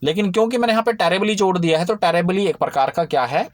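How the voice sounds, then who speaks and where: A man's voice: sits high, quick pace, no room sound. A man teaching a grammar lesson, explaining patiently and often checking that the viewer follows.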